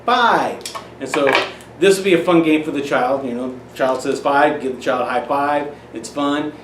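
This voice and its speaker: A middle-aged man with a mid-range voice, speaking at normal speed, offers parents folksy, casual advice on teaching kids their numbers, often starting his phrases over. It's an informal demonstration recorded off-mic in a roomy, echoing space with a faint hiss.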